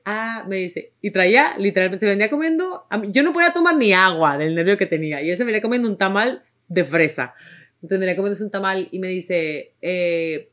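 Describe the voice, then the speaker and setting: A young woman telling a lively anecdote, acting out her own lines in a higher voice and laughing now and then. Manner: animated, quotes herself in raised voices, laughs. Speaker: actress telling a story. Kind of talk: casual storytelling to an audience.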